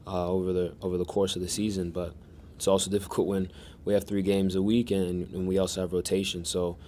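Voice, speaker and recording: Low, flat-voiced male athlete. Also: slight background noise. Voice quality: monotone. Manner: measured, many restarts and fillers. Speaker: soccer defender at press conference. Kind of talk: press conference answers.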